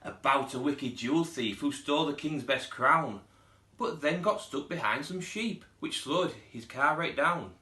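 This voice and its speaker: A man's voice: a little high, a little slow, roomy sound. A man, a primary school teacher reading a children's storybook aloud expressively. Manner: expressive, putting on character voices.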